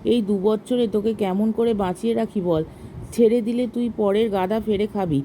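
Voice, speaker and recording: A poor, aging village farmer speaks gently and pleadingly, close to tears, as a woman reads him aloud. The voice is mellow and soft, with an ordinary middle pitch. It belongs to a spoken storybook. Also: moderate pace, a little hiss or hum, natural voice. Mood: tender.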